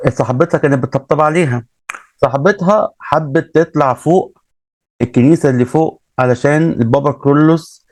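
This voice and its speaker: A man's voice: medium pitch, a little mellow, no echo. A man with an Egyptian Arabic accent telling a religious story in a casual way, repeating himself and restarting often. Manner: retells events with many repeats and restarts.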